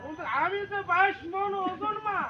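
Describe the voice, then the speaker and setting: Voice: very high-pitched, fairly even intonation, moderate pace, lo-fi sound, crowd noise. An actor playing a clownish, greedy serpent servant in a folk stage drama, talking in a rustic, complaining way. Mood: deferential. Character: clownish, greedy serpent minion, grumbling and dim.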